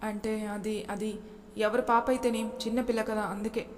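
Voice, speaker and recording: A woman's voice: mid-range voice, little pitch movement, moderate pace, close to an everyday voice. Woman voicing an anxious young man, echoey. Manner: worried, earnest inner musing. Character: young man, anxious and longing office worker. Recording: long reverb echo.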